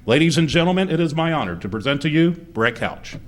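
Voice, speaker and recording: A man reads a formal introduction as master of ceremonies. His voice sits a little higher than most men's, and he reads at an even, announcing pace. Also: fairly quick, background noise. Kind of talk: reading an introduction.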